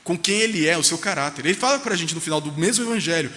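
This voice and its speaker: A man's voice: a little high, lively intonation, fast, bright, forceful tone. A male pastor, delivering an emphatic sermon with rhetorical questions in a church. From Brazil. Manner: emphatic preaching, rhetorical questions, voices quoted speech. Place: church sanctuary. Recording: reverberant church hall.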